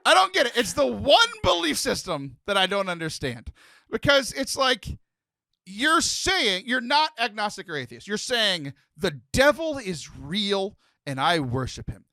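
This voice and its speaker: Animated, bright-voiced male podcast host. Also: high voice, unhurried, creaky, no echo, clean studio sound. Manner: animated, joking, many fillers and restarts. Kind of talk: casual podcast chat.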